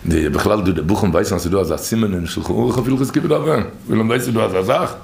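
A man telling stories from religious teachings in an informal, animated way, his voice leaping high and then dropping low. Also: fast talker, vocal fry. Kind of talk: informal storytelling talk. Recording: echoey room.

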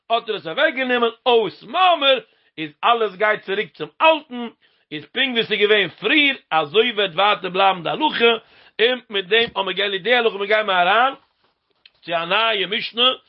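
A man's voice: sits high, vocal fry. A man, explaining a Talmud passage in a sing-song lecture. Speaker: Talmud teacher. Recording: lo-fi dull recording.

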